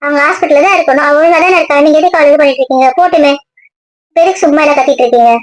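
A young woman acting in a family drama as a college student. She explains earnestly in a high voice and at a rapid pace. The sound is dry and close. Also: no room sound, poor audio.

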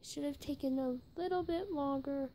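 A young woman casually narrating a tour of her toy horse barn, halting as she lists the names and sometimes dropping to a whisper. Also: sits high, warm tone. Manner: halting, stops to list names, drops into whispers. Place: indoor room with toy barn on carpet.

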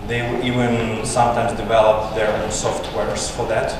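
This is a man in his thirties, a native Russian speaker, talking at a tech conference in English with lots of fillers and restarts. His voice sits on the low side, with flat delivery at a moderate pace. Recorded from afar by a camera while he uses a handheld mic in a large conference room, the audio is echoey and noisy.

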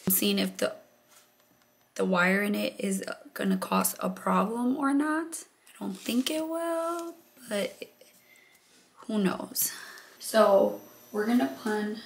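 A woman hosting a craft video, explaining each step in a relaxed, thinking-aloud way and a bit out of breath. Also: medium pitch, vocal fry, a little hiss or hum. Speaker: crafting channel host. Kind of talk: casual how-to narration.

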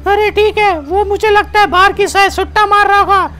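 A man voicing a servile gangster henchman with a squeaky, pinched voice after a punch to the throat. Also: steady tone, normal speed, sharp tone, faint music behind. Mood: whiny. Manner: whiny, servile.

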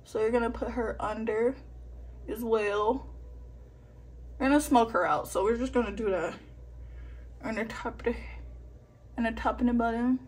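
A woman's voice: fairly high pitch, moderate pace, long pauses, a little mellow, husky. A tipsy woman chatting casually through a makeup tutorial, rambling, poking fun at herself and swearing freely. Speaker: vlogger doing a makeup tutorial.

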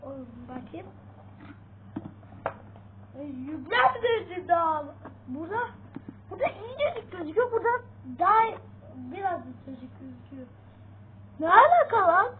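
Jumpy female game streamer with a very high voice, yelps at scares, tinny phone-like line. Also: lively intonation, moderate pace, long pauses. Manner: jumpy, yelps at sudden sounds. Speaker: gaming channel host. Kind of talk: casual gameplay commentary. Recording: tinny phone-like sound, faint noise.

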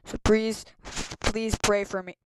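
A woman's voice: medium pitch, level tone, slow pace. A woman chatting casually and goofily in a vlog, mocking herself. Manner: goofy, self-mocking. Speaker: vlogger. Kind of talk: silly casual vlog chat. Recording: noticeable background noise.

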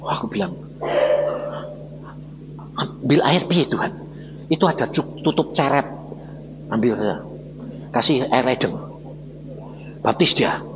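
A man with a Javanese-tinged Indonesian accent preaching a lively testimony sermon, acting out the dialogue and addressing listeners as brothers and sisters. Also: mid-range voice, measured pace, long pauses, noisy background. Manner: animated storytelling, acts out dialogue, addresses listeners as saudara. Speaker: evangelist preacher. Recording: reverberant hall with faint ambience.

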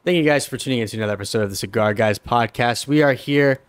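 A man's voice: medium pitch, fast talker, clean tone, dry recording. A young man hosting a podcast interview, upbeat and welcoming. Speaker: podcast host. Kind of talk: casual interview. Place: small studio. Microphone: headset and studio mic.

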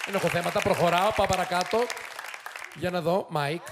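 A man's voice: high voice, creaky, crowd noise. A man hosting a TV show, giving teasing, sarcastic commentary to a studio audience. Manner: sarcastic, teasing, quick mocking asides. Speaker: TV show host. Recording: noisy studio with loud audience. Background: studio audience laughing and cheering.

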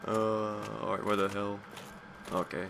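A man's voice: fairly low pitch, flat delivery, a little slow. A man giving casual, off-the-cuff commentary while he plays a video game. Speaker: gamer recording a playthrough. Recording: loud background noise, clicks.

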